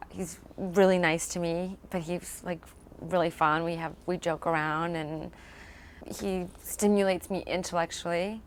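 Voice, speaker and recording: A woman in a casual interview, chatting about her partner in a relaxed, chatty way. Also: on the low side, unhurried, a little hiss or hum. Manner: relaxed, chatty, hesitant fillers. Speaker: family member interviewed.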